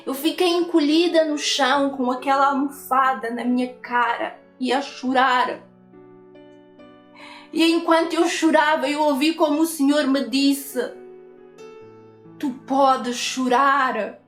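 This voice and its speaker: A woman's voice: high voice, steady tone, measured pace, echoey room, faint music behind. A woman with a European Portuguese accent giving a personal faith testimony, earnest and repetitive, often ending with tag questions.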